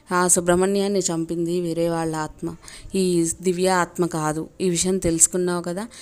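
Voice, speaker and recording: A woman voicing a calm, commanding elderly male holy man who gives stern instructions. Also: fairly low pitch, smooth, lightly acted.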